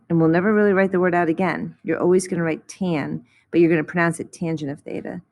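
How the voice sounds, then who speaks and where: A woman's voice: on the low side, a little mellow. A woman teaching a recorded math lesson, patiently explaining each step in a close voice-over.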